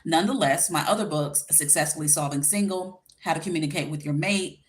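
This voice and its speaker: This is a deep-voiced woman in her forties talking fairly fast as she chats with livestream viewers about dating. A life coach and YouTube host, she speaks informally and directly, and wearing a retainer gives her a slight lisp.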